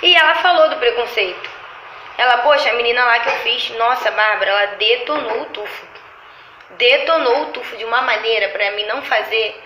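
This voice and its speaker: Woman, high voice, animated storyteller, echoey room. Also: brisk, slight background noise. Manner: animated storytelling, acting out clients' lines. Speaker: lash artist. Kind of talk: casual chat.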